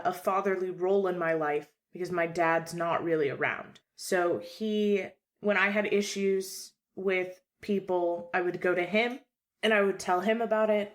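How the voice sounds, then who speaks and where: A woman taking part in a tabletop game, talking in an earnest, chatty way. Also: fairly low pitch. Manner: earnest, chatty, quick asides. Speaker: player. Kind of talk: casual tabletop role-play.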